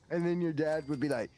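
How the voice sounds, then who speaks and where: A man co-hosting a casual chat in an animated, teasing way, swearing casually. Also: fairly low pitch.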